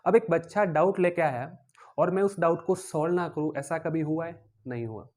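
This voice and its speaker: A man's voice: fairly high pitch, normal speed. A man with an Indian accent teaching physics in a classroom lecture, repeating key terms as questions to the class and acting out objects as characters in playful stories. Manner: animated, acts out objects as characters.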